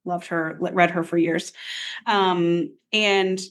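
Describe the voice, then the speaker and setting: A woman's voice: fairly low pitch, steady tone, takes it slowly. Reflective woman podcast co-host. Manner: reflective, many ums and you-knows. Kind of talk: casual podcast chat.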